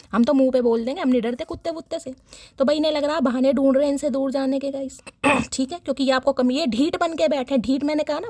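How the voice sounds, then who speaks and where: A woman giving a chatty collective tarot reading, teasing and sarcastic, and talking warmly and directly to her viewers. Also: high voice, no echo. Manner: affectionate address to audience. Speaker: tarot reader.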